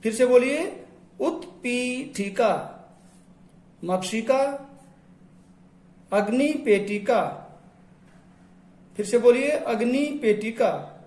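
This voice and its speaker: A man's voice: very high-pitched, slow, long pauses, darkish tone. A man teaching a textbook lesson, patiently saying words and having pupils repeat them. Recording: echoey room.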